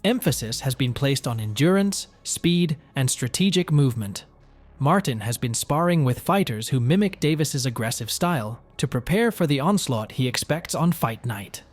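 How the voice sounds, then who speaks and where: A man's voice: medium pitch, lively intonation, normal speed. Scripted male news narrator over music.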